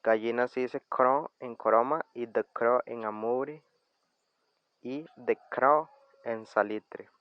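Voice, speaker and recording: A man from Costa Rica narrates a scripted language lesson at a slow, deliberate pace. His voice is smooth and clear, and he carefully spells out sounds and example words. The recording is dry and a little muffled. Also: medium pitch, no echo. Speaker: language teacher.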